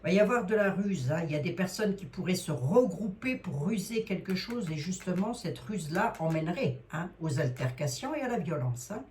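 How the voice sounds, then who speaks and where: A woman's voice: fairly low pitch, animated, brisk, few pauses, a little mellow. A middle-aged woman with a Lorraine accent, doing a card reading in a hesitant, rambling way, with many fillers. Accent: Lorraine French. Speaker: psychic card reader.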